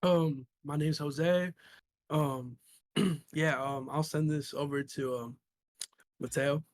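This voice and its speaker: A man's voice: on the high side, fairly even intonation, slow, dry recording. A young man guesting on a casual podcast, talking hesitantly with many ums. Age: young adult.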